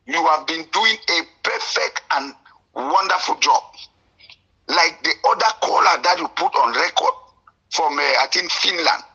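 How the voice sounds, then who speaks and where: A man from Cameroon with a Cameroonian English accent, calling in to a radio show, impassioned and indignant, at times breaking into shouts. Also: a little high, lively intonation, measured pace, husky, lo-fi sound. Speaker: caller. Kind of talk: call-in radio talk.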